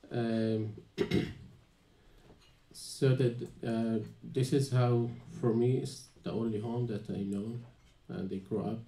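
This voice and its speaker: Speaking slowly in a level, mellow, medium-pitched voice, a young student from Gaza, Palestine, shares his personal story as a panel guest. He hesitates often, filling pauses and restarting sentences. The small, dim venue holds a live audience, and the room echoes.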